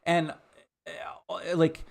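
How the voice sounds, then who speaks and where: A man running a tabletop game, narrating casually as he improvises, in a halting, conversational way. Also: a little high, completely flat delivery. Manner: halting, conversational, many trailing pauses. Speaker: game master.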